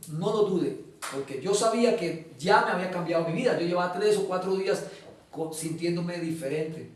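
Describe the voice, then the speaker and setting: A man gives an earnest personal testimony in an interview, acting out the dialogue he quotes and pausing on filler sounds. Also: fairly high pitch. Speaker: guest giving testimony. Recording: echoey room, mic at a distance.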